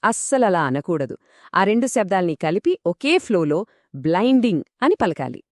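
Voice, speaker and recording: A woman's voice: on the low side, sing-song, moderate pace, a little mellow, dry recording, studio quality. A woman co-teaching a scripted pronunciation lesson, encouraging listeners and stressing common mistakes.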